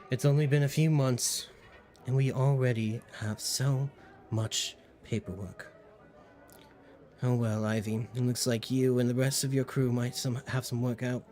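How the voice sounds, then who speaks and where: A harried dwarf woman clerk grumbles over her stack of orders, played by a man. Her voice sits at an ordinary middle pitch, with soft music underneath. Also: steady tone, moderate pace, natural voice. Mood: fussed.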